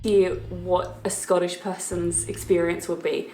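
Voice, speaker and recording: A woman's voice: fairly low pitch, a little slow, faint music behind. A woman from Canada, a travel vlogger, talking casually and acting out what others say. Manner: chatty, quotes others in lively asides. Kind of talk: casual vlog talk. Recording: echoey room.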